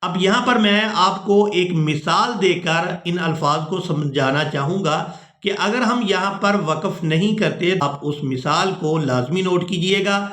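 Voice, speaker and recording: High-voiced man teaching tajweed. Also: a bit bright, roomy sound. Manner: explains slowly, then chants verses drawn out. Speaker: Quran recitation teacher. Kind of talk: tajweed lesson with chanted recitation.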